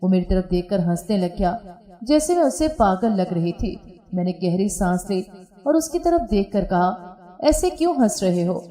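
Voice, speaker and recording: A woman telling a first-person story in a calm, steady scripted narration. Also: medium pitch, moderate pace.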